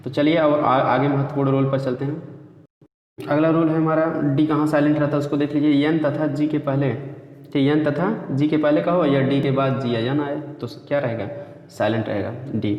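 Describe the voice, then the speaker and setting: A man's voice: a little high, steady tone, normal speed. Guy teaching a class, goes step by step and repeats stuff, echoey room, muffled lo-fi sound. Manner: repetitive, explains step by step, addresses "friends". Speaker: English teacher. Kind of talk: spoken lesson to students.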